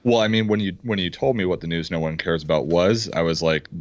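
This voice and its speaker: A man co-hosting a casual fantasy football podcast over a video call, talking excitedly and pounding the table. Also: low voice, fast. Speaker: podcast co-host. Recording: dull, dry lo-fi sound.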